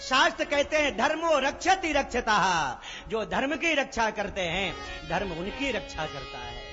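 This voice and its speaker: A man with a notably high voice preaches a devotional story. He is emphatic and swings from loud bursts to quiet asides. The recording is dull, with music playing clearly beneath him. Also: animated, normal speed.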